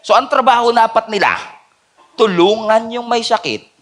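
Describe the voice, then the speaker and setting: A man with a Filipino accent preaching a sermon at a church night service, mixing Tagalog and English and swinging between hushed and loud. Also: very high-pitched, normal speed.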